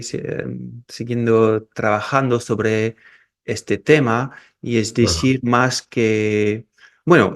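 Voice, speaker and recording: In a casual interview, a male osteopath and researcher of French and Peruvian origin, raised in Morocco, speaks slowly and deliberately at a medium pitch. He is halting, stumbling into many restarts and repeated words.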